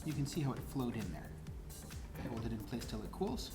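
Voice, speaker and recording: Very deep and sing-song, the woman's voice moves briskly. She presents and teaches on a DIY electronics show, guiding a hands-on tutorial step by step with prompting questions. Background music plays, and the room has an echo.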